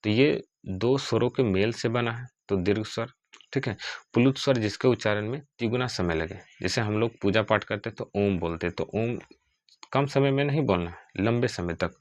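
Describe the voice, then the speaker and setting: Low-voiced grammar teacher. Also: male voice, moderate pace, dry recording. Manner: asks questions then answers them himself, repeats "ठीक है". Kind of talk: classroom lesson with questions and answers.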